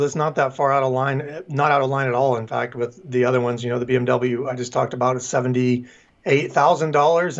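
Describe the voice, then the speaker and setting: A man co-hosting a car radio show, speaking in a measured, matter-of-fact way. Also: mid-range voice. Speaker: radio co-host. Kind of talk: casual car-review talk. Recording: slightly dull, lo-fi sound.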